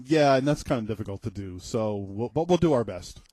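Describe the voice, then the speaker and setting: A man co-hosting an internet radio show in casual chat, jokey and quick to laugh, stumbling over his words. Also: on the low side, expressive, dark tone, no echo.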